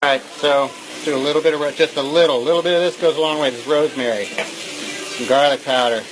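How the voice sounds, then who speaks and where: A man's voice: a little high, steady tone, fast, low-quality recording. A man giving a casual, playful cooking demonstration in a home kitchen, loose and tipsy, swearing freely as he talks. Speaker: home cook hosting a cooking video.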